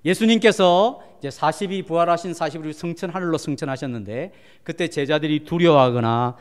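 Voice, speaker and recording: A man pastor preaching a Sunday sermon, asking the congregation questions and swinging from loud exhortation to hushed near-whispers. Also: fairly high pitch, brisk. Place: church sanctuary. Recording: long church hall reverb.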